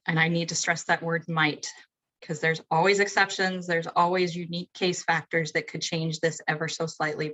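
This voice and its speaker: Low-voiced woman presenting a webinar. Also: a bit bright, low-quality recording. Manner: methodical, defines terms one by one. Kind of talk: webinar lesson.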